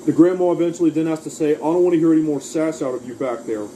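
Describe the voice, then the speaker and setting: A man's voice: on the high side, racing, warm tone, a little hiss or hum, rough recording. A man casually recapping a cartoon episode, rambling through the plot and quoting lines along the way. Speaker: cartoon reviewer.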